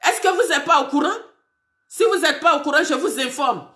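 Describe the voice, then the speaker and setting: Woman activist, indignant to-camera address, bright sharp voice in a roomy echo. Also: high-pitched, lively intonation, a little fast. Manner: indignant, hammering rhetorical questions. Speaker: political activist.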